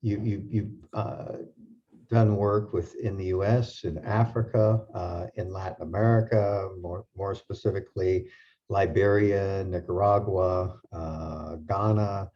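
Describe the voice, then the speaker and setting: A man moderating a panel discussion, halting with many fillers and restarts. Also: low voice, fairly even intonation, mellow. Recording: dull lo-fi sound.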